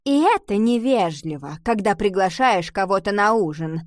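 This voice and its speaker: A woman's voice: a little high, big pitch swings, measured pace, darkish tone, no room sound, studio quality. A woman reading the part of a vain, easily offended mother who gushes over a child and bristles about her age. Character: woman playing touchy vain mother Gundula.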